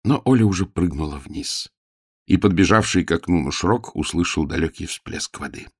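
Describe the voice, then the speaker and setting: A man reading a story aloud in a dramatic, lively way. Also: deep voice, moderate pace, husky, no echo, clean studio sound. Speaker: audiobook narrator. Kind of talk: expressive storybook narration.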